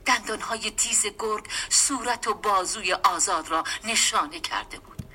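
Hushed bright-voiced woman reading a story. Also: medium pitch, slightly rough. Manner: hushed, half-whispered dramatic reading. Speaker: story reader.

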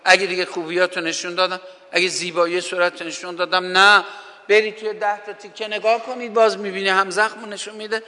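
A man's voice: sits high, flat delivery, bright, forceful tone, long reverb tail. A man from Iran preaching a sermon, fervent, posing rhetorical questions and reciting scripture in Arabic while addressing listeners as brothers and sisters. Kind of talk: sermon on family advice.

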